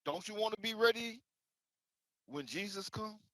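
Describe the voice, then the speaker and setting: A show co-host presents a word-of-the-day segment in casual chat, his high voice expressive, pushed and bright at a moderate pace. He's exuberant and emphatic throughout, and the sound has no echo.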